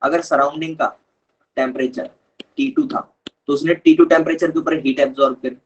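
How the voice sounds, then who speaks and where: Husky-voiced man teaching chemistry. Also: a little high, steady tone, fairly quick, a little mellow, lo-fi sound. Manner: patient, addresses students as kids. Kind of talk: live online lecture.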